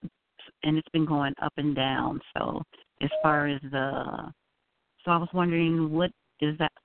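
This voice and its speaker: A woman's voice: sits low, steady tone, measured pace, gravelly, clear, resonant tone, dry recording. A woman from Illinois comes through as a radio show caller on a thin, tinny phone line. The sound is dry and close, with no room around it. She asks her questions hesitantly, feeling her way. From Illinois, USA.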